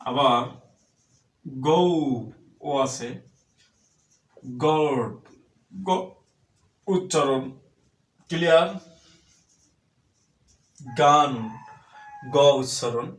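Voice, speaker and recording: A male English teacher with a Bangladeshi accent, slowly and deliberately spelling out letters and sounds in a spoken English pronunciation lesson. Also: on the high side. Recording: echoey room, voice distant from the mic.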